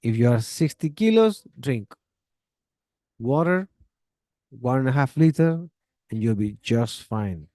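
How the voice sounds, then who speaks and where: Male English teacher, casual and chatty, warm mellow tone, mid pitch. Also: slow pace, pauses often, no echo, clean studio sound. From Chile. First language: Spanish. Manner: chatty, relaxed, gives friendly advice with acted-out example dialogues. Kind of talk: casual spoken lesson.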